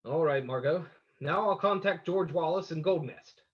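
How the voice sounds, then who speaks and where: Heard on a dull recording, the lead of an old-time radio detective drama is played by a male actor whose voice runs on the high side. His performance is lightly acted yet brisk and authoritative, portraying a calm, decisive hero.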